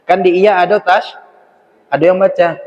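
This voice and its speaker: A man teaching Quran recitation, drilling syllables over and over and chanting verses slowly as examples, recorded in a mosque. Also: high-pitched, steady tone. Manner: repeats syllables to drill pronunciation. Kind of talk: tajwid lesson with corrections. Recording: echoey hall, muffled lo-fi sound.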